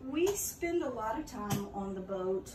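A middle-aged woman giving a relaxed, hesitant tour of her boat, with many pauses and ums. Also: medium pitch. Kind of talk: casual tour talk. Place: aboard a river sternwheel boat. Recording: roomy echo, distant, noisy.

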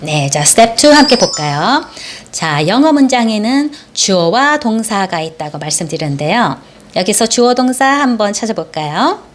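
A woman's voice: medium pitch, sing-song, moderate pace, a little hiss or hum. A Korean woman teaching English through Bible verses, explaining grammar and pronunciation and patiently stretching out model phrases for listeners to repeat. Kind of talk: slow instructional English lesson.

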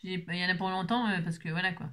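A middle-aged woman hosting a crafting channel, telling stories in a casual, lively way with lots of fillers. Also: fairly low pitch, racing. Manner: lively, animated storyteller with many fillers. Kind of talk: casual chatty vlog storytelling.

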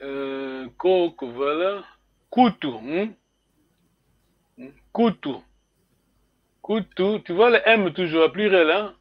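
High-voiced hesitant male teacher. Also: slow pace, pauses often, dull audio. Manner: hesitant, repeats words, chuckles often. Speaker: language teacher. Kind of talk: classroom explanation.

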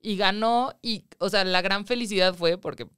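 Animated Mexican woman producer, thirties, very clear voice, dry close mic. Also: mid-range voice, moderate pace, no echo. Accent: Mexican Spanish. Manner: animated storytelling, acts out quoted voices. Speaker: guest, film producer. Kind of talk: casual interview chat.

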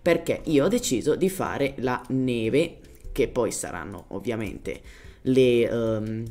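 A German man, a native German speaker, hosts a casual gaming tutorial with a medium-pitched, lively voice. He speaks slowly with a darkish tone over soft background music, informally searching for Italian words and dropping in English terms.

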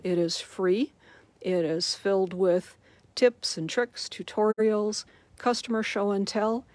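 A woman's voice: medium pitch, darkish tone, no echo. A woman giving a chatty walking tour of a large quilt shop, recorded on a handheld phone. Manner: slow, chatty, promotional.

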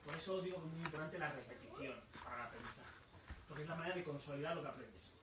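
A high-voiced man gives a live talk at a bookshop, explaining patiently and throwing questions to the audience. The room is echoey and he sounds distant from the mic. A faint murmur of room noise sits underneath. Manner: explains slowly, repeats words, asks the audience questions. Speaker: book author presenting his book.

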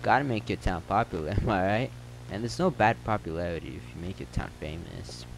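A man's voice: deep voice, fairly quick, gravelly, poor audio. A man voicing a gossipy male motel worker in a put-on accent, telling rambling, joking stories. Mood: spinning tales. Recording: loud game noise behind.

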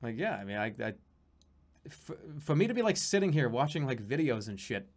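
A man in his 30s streams live from a small room at home, chatting casually, rambling, swearing and reading donations aloud, now and then bursting into excited yelling. His voice is medium-pitched and brisk.

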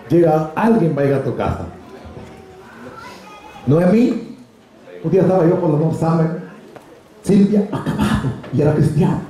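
A male pastor preaching an animated sermon, urging the congregation to say amen and swinging his voice up toward near shouts. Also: sits high. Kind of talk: lively Spanish sermon with congregation responses. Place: church hall with congregation. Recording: very echoey church hall with congregation.

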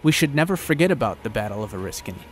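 A man's voice: mid-range voice, sing-song, racing, faint music behind. A man hosting a history channel, narrating a battle in a casual, conversational storytelling way.

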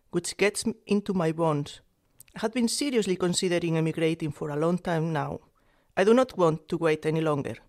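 A woman's voice: mid-range voice, a little mellow, lightly acted. A woman with a Spanish accent voicing a fed-up old male donkey who complains about the cold in a storybook reading. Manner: exasperated outbursts.

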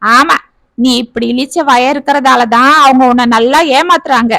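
A woman's voice: high-pitched, moderate pace, sharp tone, dry recording. A woman voicing a grumpy retired older man who grumbles and complains, in a family story. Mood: grumbling. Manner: sulking, complaining.

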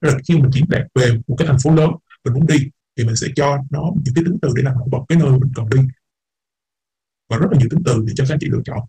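A man's voice: medium pitch, quick pace, warm tone, breathy edge, low-quality recording. A man teaching an English class, explaining patiently, repeating words and mixing English terms into his talk. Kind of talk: online class lecture.

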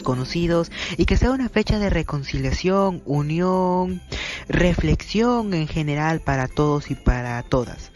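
A man recording a formal, warm-hearted holiday greeting to friends and family. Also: fairly high pitch.

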